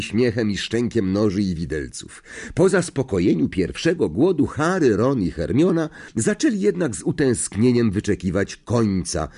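A man narrating an audiobook in an expressive way, acting out the characters. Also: on the low side. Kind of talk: scripted narration.

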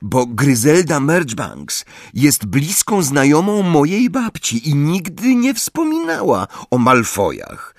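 Shy gloomy teen boy voiced by a man, hesitant, high and wavering, audiobook. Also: huge pitch swings, slow pace, hardly any pauses, no echo, clean studio sound, exaggerated voice. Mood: glum. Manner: hesitant, downcast. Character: timid gloomy teenage boy.

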